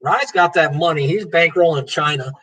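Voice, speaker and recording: Reading his chat aloud, a male streamer jokes around and responds to viewers by name in a loose, casual way. He sounds a little high and sharp, talks at a normal speed, and the audio is slightly rough.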